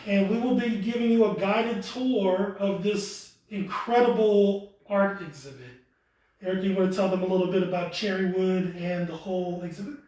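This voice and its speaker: A man's voice: sits high, steady tone, moderate pace, a little mellow. A man speaking casually as a tour guide, showing visitors around. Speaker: exhibit tour guide and co-curator. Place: indoor art gallery. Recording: echoey indoor room.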